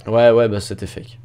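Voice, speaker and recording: A teenage male streamer chatting casually and crudely on a live stream with a friend, animated and prone to laughter. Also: fairly low pitch, noisy background.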